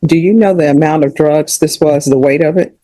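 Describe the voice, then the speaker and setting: A woman judge speaking firmly and deliberately at a courtroom sentencing. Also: deep voice, dark tone, no echo, poor audio. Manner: firm, measured, questioning.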